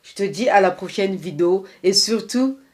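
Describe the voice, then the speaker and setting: Looking straight into the camera, a young woman vlogger gives earnest life advice that repeats itself and carries a hint of faith. Her medium-pitched voice is expressive and moves at a moderate pace in this casual, encouraging talk.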